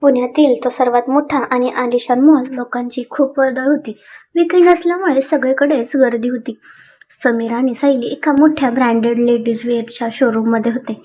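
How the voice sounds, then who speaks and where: A woman storyteller narrating a romance story in an expressive, dramatic way. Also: sits high, moderate pace.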